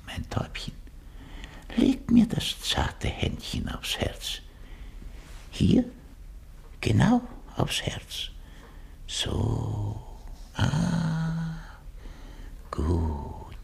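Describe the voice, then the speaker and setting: Lecherous old schemer, gravelly, wheedling, radio drama. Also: male voice, low-pitched, sing-song, unhurried, fairly bright tone, full character voice. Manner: gravelly, wheedling then gleeful. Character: lecherous old rich man faking illness.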